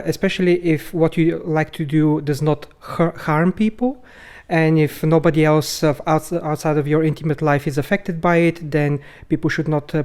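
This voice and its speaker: A man from Bulgaria, speaking as a podcast guest in a hesitant, halting way with many filler sounds. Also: on the high side, darkish tone. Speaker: podcast guest, rope bondage instructor. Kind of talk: casual conversational interview.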